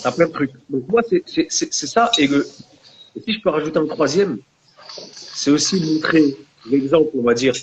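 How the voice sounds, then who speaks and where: A young French man of Maghrebi family, a guest and book author, chats casually in a discussion with an urban French Maghrebi accent, blending street slang and Arabic religious terms. His voice is on the high side and expressive at a moderate pace, in a low-quality recording with slight background noise.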